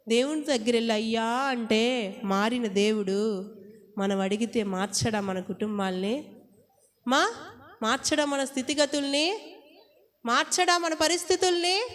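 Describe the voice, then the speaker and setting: A woman preacher delivering an impassioned sermon, firing rhetorical questions at her congregation. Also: high voice. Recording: long hall reverb.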